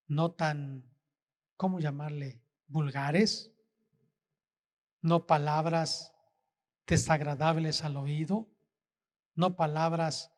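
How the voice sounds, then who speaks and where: Pastor guy preaching slow, lots of questions to the church, voice sits kinda high. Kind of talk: sermon.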